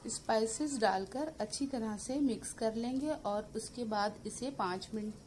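Higher-voiced Pakistani woman teaching a recipe. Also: unhurried, a little hiss or hum. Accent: Pakistani Urdu. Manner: steady step-by-step instructions mixed with English words. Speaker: cooking channel host. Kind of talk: cooking tutorial voice-over.

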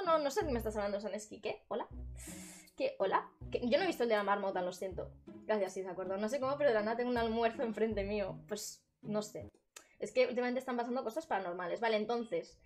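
A woman from Spain chatting casually with her viewers on a live stream from a bedroom, bubbly and laughing often, with loud sudden exclamations. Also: on the high side. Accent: Spain Spanish. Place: bedroom at her grandmother's home.

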